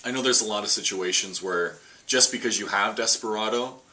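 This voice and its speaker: A young man hosting a casual card-game deck breakdown, reading card lists quickly and joking between them. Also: lowish voice, bright, forceful tone, rough recording. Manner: quick, jokey list-reading with laughs. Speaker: host.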